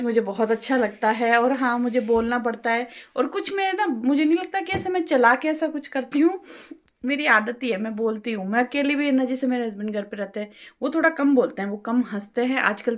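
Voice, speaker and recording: Chatty fast-talking woman vlogger. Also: on the high side. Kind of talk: casual home vlog chat. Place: home, balcony and kitchen.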